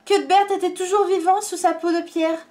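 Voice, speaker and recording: High-voiced woman reading a storybook. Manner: expressive, measured storytelling. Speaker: reader. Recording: faint background music.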